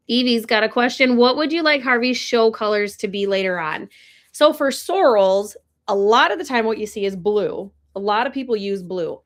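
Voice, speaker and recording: A woman's voice: mid-range voice, a bit bright. A young woman chatting casually on a ranch livestream, gushing and answering viewer comments. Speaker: livestream host. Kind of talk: casual live chat. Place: ranch barn or home.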